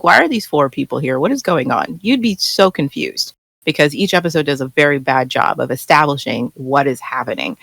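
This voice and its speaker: A lively podcast panelist chatting casually about a show, jumping into little acted-out quotes. The voice sits at a middle pitch and sounds close and dry, with no room around it. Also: creaky, no room sound. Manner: animated, acts out characters' lines in quotes. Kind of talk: casual chat.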